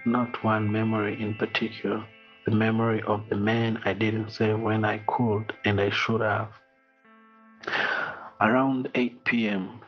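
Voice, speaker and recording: A middle-aged Rwandan man reading a personal apology in a slow, solemn, measured way, heard over muffled video call audio. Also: fairly low pitch, breathy edge. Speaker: interview guest.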